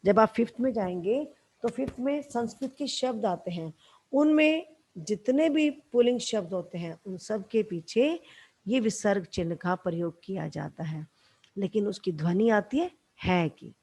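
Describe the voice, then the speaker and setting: A woman's voice: medium pitch, expressive, mellow, breathy edge. A woman teacher giving a patient lesson to young schoolchildren, calling them "beta" and "bachche", with a Haryanvi accent. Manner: slow, patient, addresses pupils as beta and bachche. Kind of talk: classroom lesson for children.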